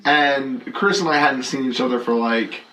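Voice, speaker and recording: A man's voice: mid-range voice, moderate pace, sharp tone, rough recording. A young man, co-hosting a casual podcast chat and telling stories animatedly, acting out quotes with laughs. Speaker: podcast co-host.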